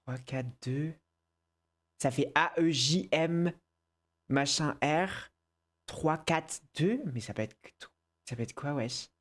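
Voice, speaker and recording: Low, slow woman muttering through a quiz. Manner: mutters to herself, swears, switches between French and English. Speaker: content creator. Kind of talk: casual quiz play, thinking aloud.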